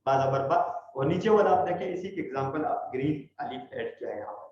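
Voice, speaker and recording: A man's voice: a little high, lively intonation, darkish tone. A man leads an online Quran recitation lesson, patiently spelling out sounds and checking that his students follow. His voice rings in a very echoey space. The call audio is dull and muffled. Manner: patient, explains step by step, checks understanding often. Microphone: online video call.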